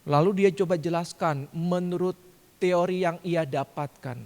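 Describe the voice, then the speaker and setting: Guy preaching in church, kinda high voice, tells a story and acts out the yelling bits, big hall echo. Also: measured pace. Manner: storytelling, acts out quoted shouts. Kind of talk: sermon testimony. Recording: long church hall reverb.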